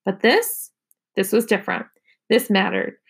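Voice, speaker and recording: A teacher reading a children's chapter book aloud to her class. Her narration is expressive and clear, with a mid-range voice. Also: medium pitch, a little slow. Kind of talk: storybook read-aloud.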